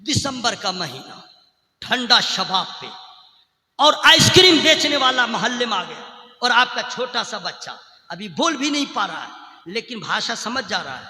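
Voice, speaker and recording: A man preaching a sermon, swinging between loud chanted shouting and quiet conversational asides, sometimes singing Arabic verses. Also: very high-pitched, big pitch swings, unhurried. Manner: chants Quranic Arabic in a sung tone. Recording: echoey hall with long reverb.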